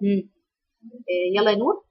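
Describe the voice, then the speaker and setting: A woman with an Egyptian accent teaching a Quran recitation lesson, correcting her students and modeling phrases slowly and drawn out. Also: mid-range voice, dull audio. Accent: Egyptian Arabic. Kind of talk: online tajweed lesson.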